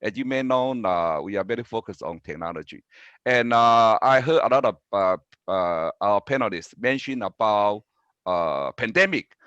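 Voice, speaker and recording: Taiwanese-accented man, halting and very animated. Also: lowish voice, smooth, no room sound. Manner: halting, repeats words. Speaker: university professor, panel speaker. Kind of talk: conference panel remarks. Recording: dull, dry video-call audio.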